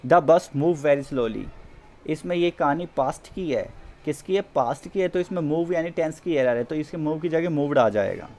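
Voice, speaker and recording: A man teaching a grammar lesson in Hindi, who reads example sentences slowly, then explains them and answers his own questions. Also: on the high side, darkish tone.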